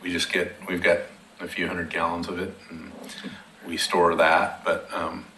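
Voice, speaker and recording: A man on a committee speaking in a measured way at a public meeting, thinking aloud with some hesitation. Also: low-pitched, little pitch movement, bright, forceful tone, slight background noise. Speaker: committee member. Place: council meeting room. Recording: echoey meeting room.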